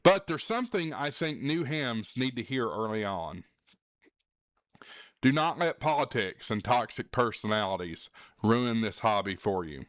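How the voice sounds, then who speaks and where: This ham radio show host speaks in a mid-range, slightly bright voice, very animated yet unhurried. He addresses the listener casually and directly to camera, earnest and encouraging, stressing key words. The studio-quality recording is dry, with no echo.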